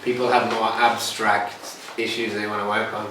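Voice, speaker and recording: A man's voice: fairly low pitch, flat delivery, moderate pace. A man teaching hypnotherapy informally and answering questions, with loose, hesitant conversational phrasing. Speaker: hypnotherapy instructor. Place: reverberant room. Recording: distant mic in echoey, noisy room.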